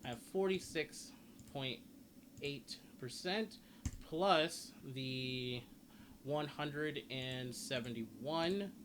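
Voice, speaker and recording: A gaming guide creator talks through a casual video game guide at an extremely slow pace, his voice sitting at medium pitch as he explains things and reads out stats. Game sounds and ambience fill the background, and the background noise comes through clearly.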